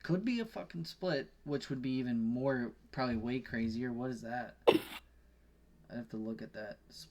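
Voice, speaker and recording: A man's voice: mid-range voice, normal speed, darkish tone. A man co-hosting a podcast, chatting casually about his betting picks, rambling, swearing and correcting himself as he goes. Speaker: podcast co-host.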